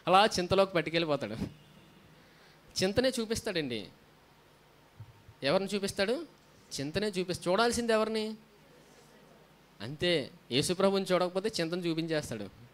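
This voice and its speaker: Telugu-speaking pastor preaching with questions. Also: male voice, high voice, expressive, normal speed, pauses often. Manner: asks the congregation questions and answers them himself; frequent hallelujahs between points. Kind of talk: sermon.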